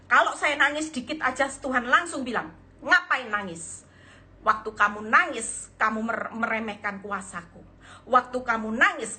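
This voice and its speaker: A woman's voice: fairly high pitch, pushed and bright. A woman evangelist preaching emphatically on a live stream, acting out dialogue and addressing listeners as saudara. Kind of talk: sermon on Instagram live. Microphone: phone on live stream.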